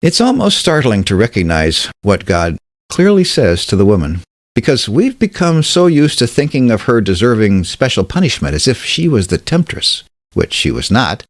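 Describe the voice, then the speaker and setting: A man giving a scripted Bible study talk, measured and emphatic, slowing down to stress key words. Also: mid-range voice, sing-song, no echo, clean studio sound. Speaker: Bible teacher.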